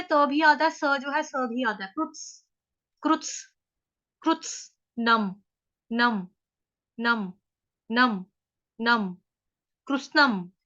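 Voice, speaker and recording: A woman teaching Sanskrit verse chanting, repeating each syllable slowly and firmly correcting her class. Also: high-pitched, bright, forceful tone, muffled recording. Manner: slow drawn-out repetition of verse syllables; scolding latecomers firmly.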